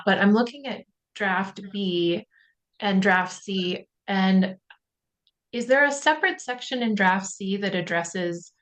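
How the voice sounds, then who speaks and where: A woman's voice: lowish voice, fairly bright tone. A woman speaking as a committee member in an online meeting, politely and apologetically putting a question.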